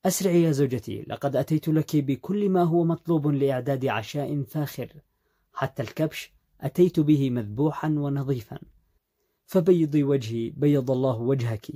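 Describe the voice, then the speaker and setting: A man's voice: mid-range voice, brisk, dark tone, close to an everyday voice. A man voicing an anxious, boastful husband who speaks in a pleading, urgent way.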